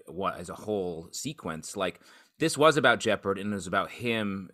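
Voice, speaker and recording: Bright-toned low male co-host, teasing. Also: expressive. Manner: teasing, halting, gropes for words mid-sentence. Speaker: podcast co-host. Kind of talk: casual TV episode discussion.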